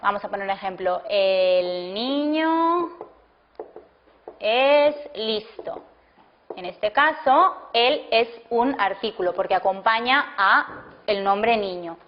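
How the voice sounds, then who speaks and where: A woman teaching a language lesson, explaining rules slowly and dictating example sentences word by word. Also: mid-range voice. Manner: slow, deliberate, breaks sentences into single words. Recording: dull lo-fi classroom video audio.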